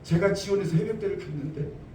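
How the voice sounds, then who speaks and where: A man's voice: sits high, fast, mellow, slight background noise. A man preaching a sermon as pastor, emphatic, repeating his phrases and asking rhetorical questions. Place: church sanctuary. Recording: roomy, distant church recording.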